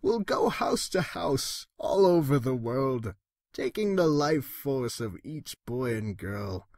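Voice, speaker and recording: A man's voice: mid-range voice, very animated, takes it slowly, a little mellow, dry recording, clean studio sound. A man voicing a sly, sinister trickster cat in a storybook, falsely reassuring, with theatrical rhyming talk. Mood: quietly sinister. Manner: smooth-talking, theatrical, rhyming.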